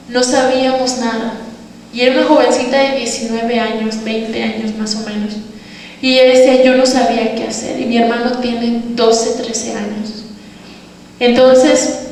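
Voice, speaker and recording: A Mexican woman missionary preaches with a high voice, earnestly telling a testimony to her congregation. Her voice rings through a big church hall, heard from far off the mic. A faint ambience sits beneath it. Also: a little hiss or hum. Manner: earnest testimony, addressing the congregation as brothers and sisters. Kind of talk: sermon. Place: church sanctuary.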